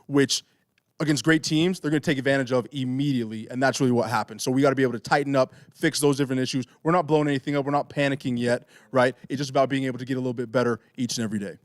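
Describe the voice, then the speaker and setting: A man's voice: medium pitch, steady tone, racing, no room sound, clean studio sound. A man in his twenties, a college athlete, talking earnestly and casually in an interview, repeating phrases as he goes. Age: 20s. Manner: earnest, repeats phrases, often adds "right?". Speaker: college football player being interviewed.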